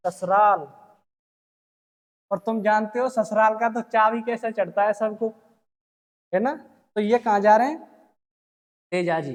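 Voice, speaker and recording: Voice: medium pitch, a little mellow, big-room sound. Teacher quizzing the class. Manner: keeps asking the class quick questions and answering them. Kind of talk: storytelling lesson.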